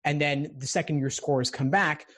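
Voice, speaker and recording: A man acting as an admissions coach, giving calm, direct advice. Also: fairly high pitch, moderate pace.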